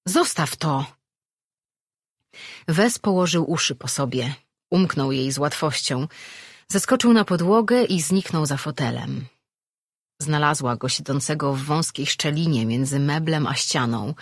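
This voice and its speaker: An audiobook narrator reading a fantasy novel in a steady, measured way, in a dry studio recording. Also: mid-range voice, no room sound.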